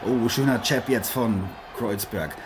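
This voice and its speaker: Friendly and engaged, a man voices a celebrity co-commentator, chummy and a touch grandiose, in an improvised boxing audio drama. He speaks a little slowly in a natural, mid-range voice over noisy arena sound.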